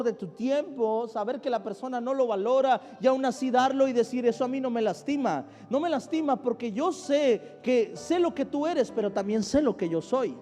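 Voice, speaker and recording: High-voiced Mexican pastor preaching in a hall. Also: male voice. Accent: Mexican Spanish. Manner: emphatic, shifts between loud stress and soft drops, calls for amens. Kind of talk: sermon. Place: large church hall. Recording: echoey church hall with music behind.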